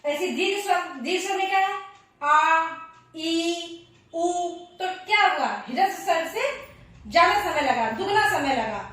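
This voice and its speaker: A woman's voice: very high voice, expressive, brisk, fairly bright tone. A woman teaching a grammar lesson, patiently counting, repeating terms and answering her own questions. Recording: echoey room, voice far from the mic.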